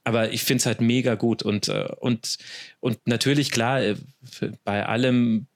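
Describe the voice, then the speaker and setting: A man's voice: mid-range voice, fairly even intonation, unhurried. A man in his thirties from Franconia, a sports journalist talking as a guest in a casual podcast interview, enthusiastic and full of restarts and fillers. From Franconia, Germany.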